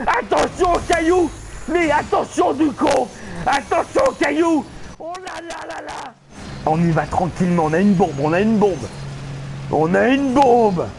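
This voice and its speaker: High-pitched frantic swearing gamer man. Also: very animated, measured pace, creaky. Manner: panicky, swears a lot, yelling at the game. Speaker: gamer streaming a playthrough. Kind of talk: excitable let's play commentary. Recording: game noise behind the voice.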